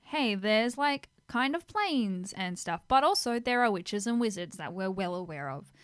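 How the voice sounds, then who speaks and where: A woman co-hosting a casual anime podcast who gushes about what she loves and reacts quickly. Her voice is smooth and resonant at a middle pitch. It is recorded dry and close. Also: expressive, fairly bright tone, no room sound. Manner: enthusiastic, gushing, quick reactions. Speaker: podcast co-host.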